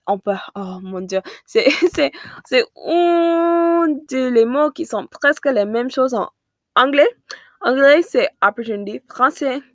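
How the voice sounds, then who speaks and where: Slow-paced, hesitant teenage American woman. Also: fairly high pitch, no echo, studio quality. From United States. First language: English. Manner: hesitant, searching for words and correcting herself. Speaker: vlogger. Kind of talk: casual chat to viewers in a second language.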